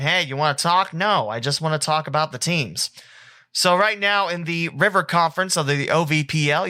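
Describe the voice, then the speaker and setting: A man with a fairly high, sharp voice hosts a solo sports podcast. He rambles casually through teams and scores, quickly correcting himself along the way.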